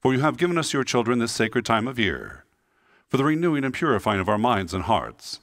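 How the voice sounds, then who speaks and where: A man leading the prayers of the Mass as a priest, in a solemn, measured, intoning delivery. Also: medium pitch, very animated, fairly bright tone, no echo.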